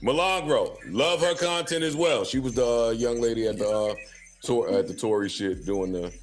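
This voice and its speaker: Relaxed man in casual stream talk, mid-pitched, hesitant, fillers. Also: normal speed, faint music behind. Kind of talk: casual chat.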